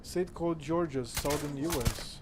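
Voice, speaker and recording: With a Brazilian Portuguese accent, a man whose voice sits a little high talks at normal speed over background noise. He's a gameplay streamer, casually commenting on his game and chatting with viewers while muttering the on-screen text and swearing freely.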